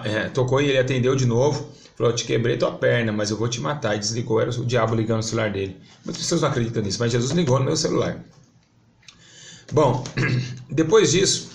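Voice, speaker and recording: Pastor from Brazil, a man with a gravelly edge, earnest testimony that swells into fervent outbursts. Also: medium pitch. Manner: earnest, storytelling, rising to fervent emphasis. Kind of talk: testimony to a church audience.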